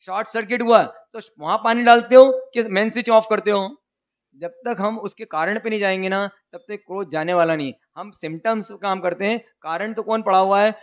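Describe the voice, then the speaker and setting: A male religious preacher gives a lively sermon full of storytelling, asking the audience questions as he goes. His voice sits high, his pace is moderate, and at times he chants vows in a rhythmic recitation.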